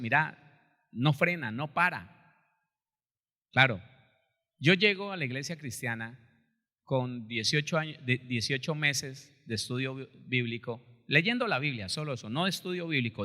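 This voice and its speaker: A male pastor preaching a storytelling sermon, animated, acting out quotes and calling his listeners brother. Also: medium pitch, normal speed, long reverb tail.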